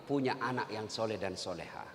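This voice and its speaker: A man preaching a humorous sermon with an animated, joking manner and bursts of shouting. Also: fairly low pitch, brisk, a little hiss or hum. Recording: echoey hall with long reverb.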